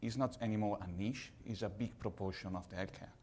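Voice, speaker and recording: A man from Italy with an Italian accent, speaking on a conference panel as a pharma executive, measured and slightly halting in English. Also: on the low side, darkish tone, a little hiss or hum.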